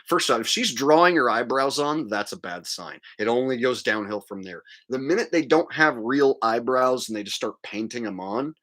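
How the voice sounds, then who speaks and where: A man with a lowish, fairly bright voice hosts a livestream, delivering a casual, crude monologue. He rants mockingly and acts out mimicry along the way.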